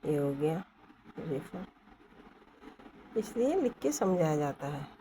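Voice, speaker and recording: A woman teaching stenography in Hindi with English terms, explaining slowly and checking often whether her students follow. She holds her phone in one hand as she writes. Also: sits low, very animated, dark tone, slight background noise, low-quality recording. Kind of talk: Hindi-English shorthand lesson. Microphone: phone held in one hand.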